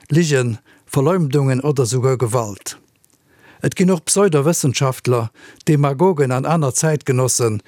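A man, a biologist reading out a personal statement in an earnest, measured way. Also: medium pitch, a little mellow, no room sound, clean studio sound. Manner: earnest, measured, with non-native word order. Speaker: biologist giving an opinion.

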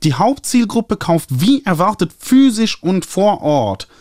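Näselnder, überschwänglicher Verleger, von einem Mann gespielt. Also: male voice, high-pitched, very animated, darkish tone, dry recording, clean studio sound, soft background music, pitched above the performer's own voice. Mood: gushing. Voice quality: nasal. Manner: gushing, fussy, drawn-out. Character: overeager nasal male book publisher.

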